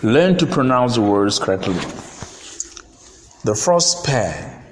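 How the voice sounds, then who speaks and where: A man teaching pronunciation, saying each word slowly and repeating it, comparing British and American sounds. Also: medium pitch, expressive, slight background noise. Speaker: phonics teacher. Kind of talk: slow pronunciation lesson. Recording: echoey room with long reverb.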